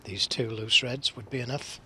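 A man's voice: medium pitch, fairly even intonation, moderate pace, pushed and bright, slight background noise. A man giving analytical snooker commentary during a match.

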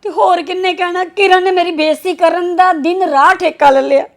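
Woman doing a crying hurt daughter in a home drama, very high voice, complaining. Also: fairly even intonation, brisk. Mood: aggrieved. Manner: complaining, aggrieved. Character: married daughter, hurt and tearful.

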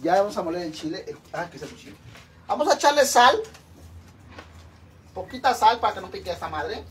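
Her medium-pitched voice is sing-song, brisk and slightly rough: a middle-aged woman with a Mexican Spanish accent, live-streaming a crude, jokey cooking chat from her kitchen at home. She calls her viewers sisters.

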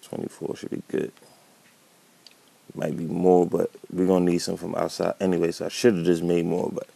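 A man thinks aloud through a building game in relaxed, casual commentary, slightly sick with a cold. His voice sits low and mellow, creaky, completely flat in delivery, and at normal speed.

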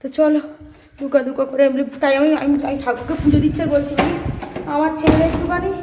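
A woman's voice: high-pitched, level tone, fast talker, background noise. A young mother and vlogger chatting casually at home, tired from lack of sleep, rambling and fretful with many restarts. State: sleep-deprived. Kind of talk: casual home vlog chat.

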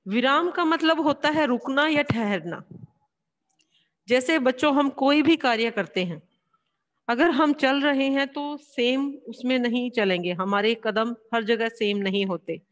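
A woman teacher giving a classroom lesson, explaining slowly and answering her own questions. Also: high voice, in a large hall. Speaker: school teacher.

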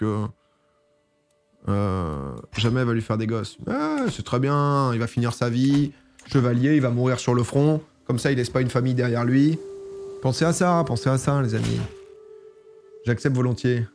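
A gaming streamer with a slightly mellow, mid-range voice plays a strategy game, giving casual let's-play commentary. He chats along and reads game text out loud.

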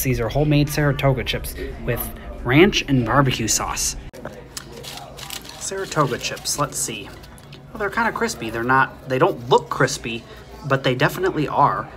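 With a mid-range, fairly bright voice, a vlogger in his thirties casually wanders outside an empty restaurant, then tries food in a diner. His commentary and review are easygoing and chatty with frequent ums, captured on a phone camera at arm's length.

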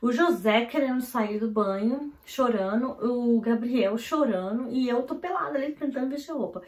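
A Brazilian woman, a vlogger and mother, tells a family story to the camera at home in a hurried, animated way, peppering it with "então, assim" fillers. Her voice is a little high, and the indoor room gives a roomy echo.

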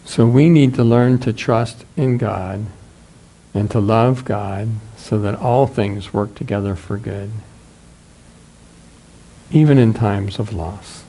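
A man in his sixties with a Midwestern American accent, preaching a sermon in a small church and reading scripture at a measured pace. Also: lowish voice, mellow. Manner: measured, reads scripture aloud from a booklet. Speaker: pastor.

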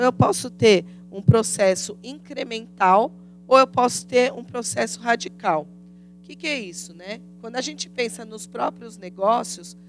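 A woman in her thirties with a Brazilian Portuguese accent gives a business lecture in a conference room, speaking into a handheld microphone and often asking rhetorical questions. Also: a little high. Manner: didactic, asks rhetorical questions, frequent tag "né?". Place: conference room with audience, indoors.

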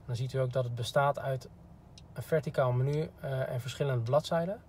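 Inside a parked car, a product expert gives a polite, informal instructional demo in a brisk, medium-pitched, slightly mellow voice. Background noise is clearly audible in the recording.

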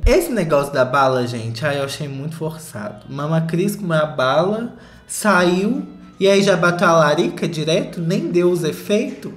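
A man chatting through a reality show recap in a campy, sarcastic, gossipy way. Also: a little high. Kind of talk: casual gossip commentary. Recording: roomy echo, faint music.

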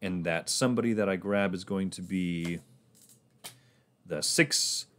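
A man's voice: sits low, unhurried, a bit bright. A man casually talking through his moves in a board game on a livestream, rambling and laughing often.

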